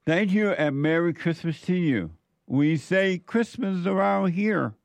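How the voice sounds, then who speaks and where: A man hosting a call-in show, talking in a slow, emphatic preaching way and repeating his phrases. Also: sits high, gravelly, no echo. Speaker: talk show host. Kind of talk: call-in and viewer-message talk.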